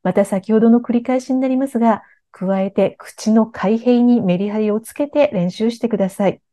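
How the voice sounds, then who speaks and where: A woman narrating a scripted lesson on articulation and intonation, explaining clearly and evenly. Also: fairly high pitch, normal speed. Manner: clear, even-paced explanation. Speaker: speech coach.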